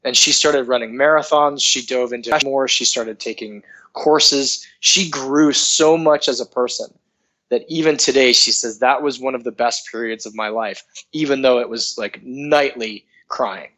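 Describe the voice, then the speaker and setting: A man's voice: medium pitch, normal speed, sharp tone, low-quality recording. Earnest man coaching on a podcast. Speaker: guest, coach and author. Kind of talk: casual podcast interview.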